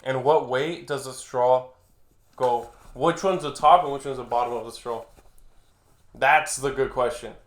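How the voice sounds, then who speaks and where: A young man with a mid-pitched voice chats like a laid-back stoner. He muses in halting, slangy phrases, and the room echoes noticeably around him. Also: fairly even intonation. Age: young adult. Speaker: co-host. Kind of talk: casual chat. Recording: roomy, echoing indoor sound.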